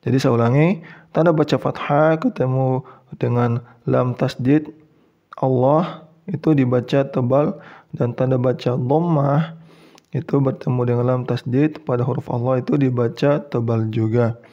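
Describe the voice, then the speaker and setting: An Indonesian man teaches in a slow, unhurried voice of middle pitch. He goes through each step patiently and repeats the examples. When he comes to the key words, he chants them long and loud, and the recording sounds somewhat dull and lo-fi. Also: fairly even intonation. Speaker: Quran reading teacher.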